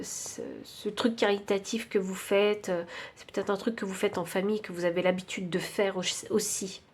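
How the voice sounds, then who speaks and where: A French-accented woman does an intuitive tarot reading, thinking out loud with lots of pauses and filler words. Her voice sits at a medium pitch with a somewhat dark tone.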